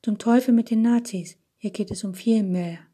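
A woman's voice: medium pitch, moderate pace, dark tone, slightly rough, lightly acted. A woman voicing a threatening, fanatical male waiter holding a pistol, hard-edged and menacing.

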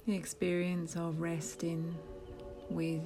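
Woman meditation guide, soft half-whisper, unhurried, over gentle music. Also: lowish voice, completely flat delivery, gravelly. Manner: slow, soft, half-whispered with long pauses.

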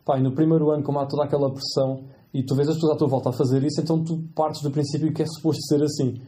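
A young man in his twenties with a European Portuguese accent, a medical student telling lively, slangy anecdotes as a guest in a casual interview. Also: fairly high pitch, rapid-fire. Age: 20s.

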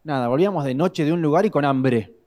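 A young man with a Rioplatense Spanish accent preaches a sermon full of storytelling, recounting tales dramatically as he swings between loud and hushed delivery. His voice is on the high side and fast.

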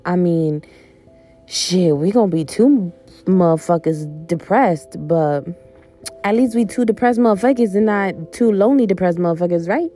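Woman vlogger, blunt and profane, mellow tone, outdoors on a porch with faint music behind. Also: fairly low pitch, moderate pace. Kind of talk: casual personal vlog. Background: faint music and street noise.

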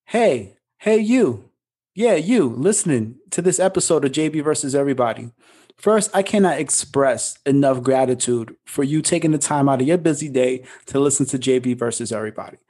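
A man's voice: medium pitch, lively intonation, normal speed, dark tone, breathy edge, dry recording. A man hosting a podcast in casual chat, playful and joking, with an occasional put-on radio voice and some swearing. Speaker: podcast host.

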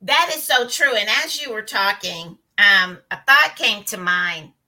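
A woman's voice: medium pitch, expressive, unhurried, pushed and bright, poor audio. A woman co-hosting a faith conversation, responding with affirming remarks and folksy phrases.

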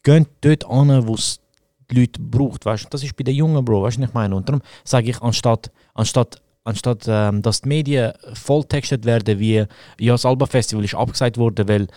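A man's voice: medium pitch, moderate pace, hardly any pauses, dark tone, dry recording, clean studio sound. A young man with a Swiss German accent, co-hosting a podcast in casual chat and ranting heatedly in slang. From Switzerland. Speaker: podcast co-host.

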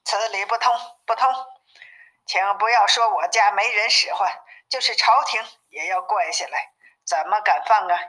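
A woman's voice: mid-range voice, normal speed, bright, forceful tone, natural voice. Woman reading as a scornful stubborn Taoist priest. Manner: scornful, refusing. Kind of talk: storybook reading. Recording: narrow phone-like sound.

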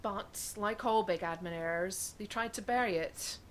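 A woman's voice: mid-range voice, normal speed, slight background noise, natural voice. A woman playing a brusque, scheming female flight engineer on a space station in an audio comedy. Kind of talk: comic radio-play acting.

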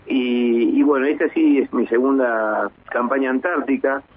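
A husky-voiced man in his fifties answers questions over a tinny phone line. He talks in a measured, hesitant way and often restarts his sentences. His pitch sits in an ordinary middle range. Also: fairly even intonation, no room sound. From Argentina. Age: 50s. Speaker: base commander guest. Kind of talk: phone interview on radio.

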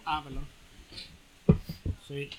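A man's voice: on the high side, monotone, extremely slow, noisy background. A man from Puerto Rico with a Puerto Rican Spanish accent, a guest musician speaking politely and modestly in a casual chat.

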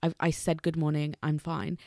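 A young woman in casual conversation, speaking haltingly with long pauses between sentences, many restarts and words that get stuck. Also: low voice, little pitch movement, mellow, dry recording, studio quality. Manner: hesitant, with many restarts and fillers.

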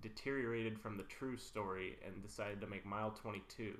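Laid-back low-voiced man, echoey room. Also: steady tone, brisk, fairly bright tone, slight background noise. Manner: opinionated, laid-back, trails off with fillers. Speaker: podcast co-host. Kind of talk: casual film chat.

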